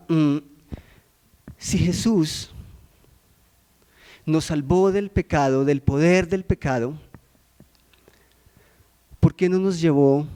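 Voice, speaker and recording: Male preacher, fairly high, warm voice, conversational sermon full of questions to the congregation. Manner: asks the congregation frequent rhetorical questions; checks in with listeners using short prompts.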